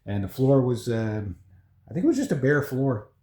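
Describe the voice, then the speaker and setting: A man chatting casually and haltingly as he gives a rambling, informal house-tour vlog. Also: mid-range voice, very animated, warm tone. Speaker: vlogger. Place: indoors in an old house room. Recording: echoey bare room.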